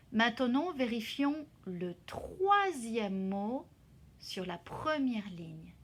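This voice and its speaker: A woman teacher explaining a reading exercise to children slowly and carefully, sounding out syllables. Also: medium pitch. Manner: slow, careful, spelling out syllables. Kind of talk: slow classroom explanation in two languages.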